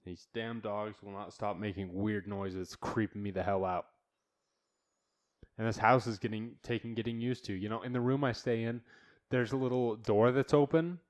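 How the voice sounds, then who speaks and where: A man hosting a solo podcast from his new home studio, rambling bluntly and swearing freely. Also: fairly low pitch. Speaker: podcast host.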